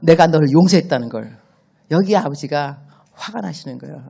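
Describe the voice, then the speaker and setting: A woman's voice: low-pitched, brisk, creaky, slightly rough. A woman missionary preaching a sermon in a church, telling stories and acting out the dialogue. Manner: animated storytelling, acts out dialogue.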